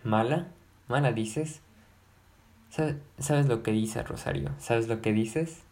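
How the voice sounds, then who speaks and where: A man reading aloud, voicing an agitated, lovesick gentleman who pleads and repeats himself. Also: medium pitch, takes it slowly. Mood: impassioned. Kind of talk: audiobook narration.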